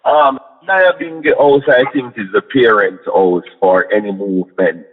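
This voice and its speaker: A Jamaican man with a fairly low voice reasons in Rasta speech as an interview guest. He is reflective and measured, pausing as he builds his point. The sound is thin and band-limited, with a long reverberant tail. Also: phone-quality sound.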